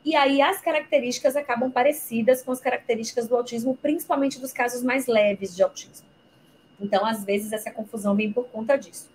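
A woman speaks as a guest in a live interview, her voice sitting a little high. She teaches in a didactic way, asking herself questions and answering them. Faint noise sits under her voice. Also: darkish tone, rough recording. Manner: didactic, explains with examples and rhetorical questions. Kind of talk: explanatory talk in a live interview.

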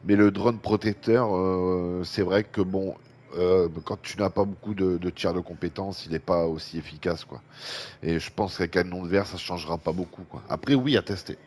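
A man with a French accent, a head cold and a congested voice casually narrates a video game and reads viewer comments as a gaming YouTuber. He is low-pitched, a little mellow and at normal speed, chatty but heavy-breathing at times. A nearby fan adds faint noise to his desk microphone.

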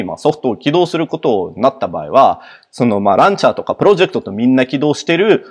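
A man from Russia steps through a technical software presentation at a quick clip. His phrasing is halting and broken up by constant filler words, though it stays polite and explanatory. His voice sits at an ordinary middle pitch. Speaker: conference presenter.

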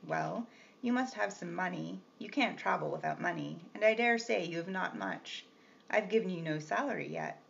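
Woman reading as a gruff, teasing gentleman. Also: sits high, normal speed, exaggerated voice. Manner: gruff, mocking, commanding. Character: brusque, teasing wealthy gentleman employer. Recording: slightly muffled with faint hiss.

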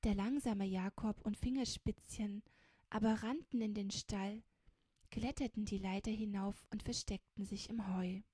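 Slow, soft-voiced woman reading a fairy tale. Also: mid-range voice, fairly even intonation, husky, no room sound, studio quality. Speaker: audiobook narrator.

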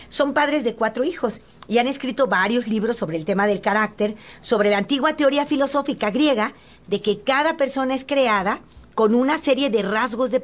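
A middle-aged woman with a Mexican accent hosting a radio advice talk, speaking to mothers directly in a motherly, counseling way. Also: fairly high pitch. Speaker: radio host.

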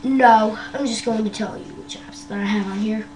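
A woman's voice: mid-range voice, fairly even intonation, normal speed, a little mellow. A young woman from Canada giving a casual vlog tour of her device, hesitant and full of ums and wells. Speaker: vlogger. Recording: roomy echo with faint hum.

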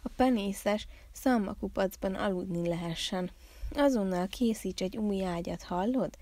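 A woman's voice: mid-range voice, a little mellow, no echo, natural voice. A woman voicing a bossy, outspoken female rabbit in a storybook reading, scolding in an indignant way.

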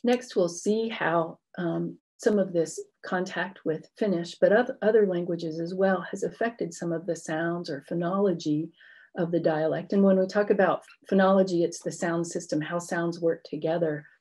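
A woman's voice: lowish voice, steady tone, moderate pace, darkish tone, breathy edge. A middle-aged woman giving an explanatory academic lecture with informal asides, speaking into a computer mic. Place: indoor book-lined room at home.

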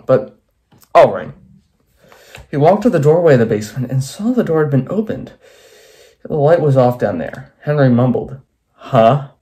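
A man's voice: medium pitch, darkish tone. A man reading his old fan fiction aloud with wry, self-mocking asides. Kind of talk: comedic reading with commentary.

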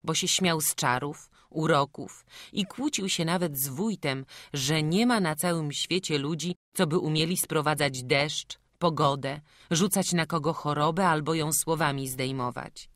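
A woman narrating a children's storybook audiobook in a calm, even storytelling manner. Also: deep voice, unhurried, no room sound, studio quality. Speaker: audiobook reader.

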